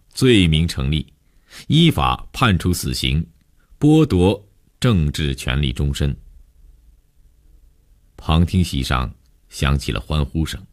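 A man narrating a novel in the first person, in a measured, grave manner. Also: very deep voice, a little mellow. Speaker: audiobook narrator.

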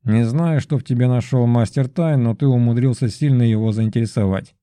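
A man voicing a rude, boastful male pigeon familiar with a shrill, squawking manner. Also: a little fast, dark tone, no echo, lightly acted. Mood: smug.

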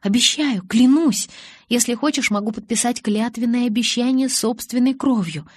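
A woman reading an audiobook, voicing an impatient, exasperated young woman in love, pleading and animated. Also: a little high, moderate pace, slightly rough, dry recording, voice pushed up.

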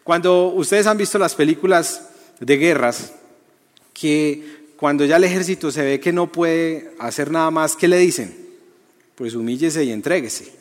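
A man preaching a lively, conversational sermon to young people, often asking the audience questions. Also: mid-range voice. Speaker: youth preacher. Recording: long hall reverb.

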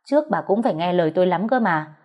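Woman doing a shrill spiteful young wife. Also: lively intonation, brisk, dark tone, lightly acted. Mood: contemptuous. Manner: shrill, scolding, sneering. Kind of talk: storytelling audiobook.

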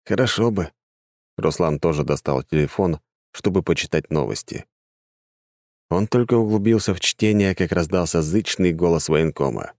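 A man narrating an audiobook in an even, measured storytelling manner. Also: low-pitched, dry recording, studio quality. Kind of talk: scripted narration.

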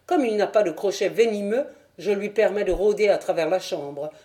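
A woman voicing an irritable old man who keeps animals, who first shouts threats and then turns fussy and polite. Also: medium pitch, moderate pace, lightly acted. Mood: fussy, welcoming. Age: over 60.

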